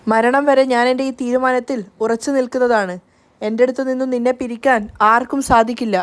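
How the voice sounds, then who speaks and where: Woman voicing a young man, calm, gentle, reassuring, high light voice. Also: a little fast, close to an everyday voice.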